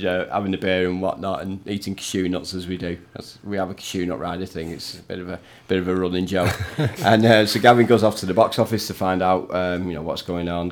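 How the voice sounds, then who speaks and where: A man who plays in a tribute band, telling a rambling, chatty backstage anecdote as a guest and laughing often. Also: sits low.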